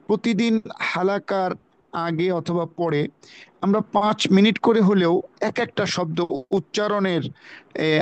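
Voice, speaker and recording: Man, high register, patient teacher of a religious lesson on a video call, repeats key points, dry close sound. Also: clear, resonant tone, no echo. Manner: explanatory, repeats key phrases, recites Arabic. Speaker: religious study speaker. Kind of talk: religious lesson on Quran pronunciation.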